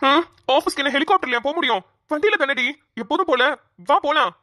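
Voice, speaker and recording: A woman voicing a hurried cartoon husband. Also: high voice, animated, pushed and bright, dry recording, clean studio sound. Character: hurried young husband rushing to office. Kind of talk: cartoon voice acting.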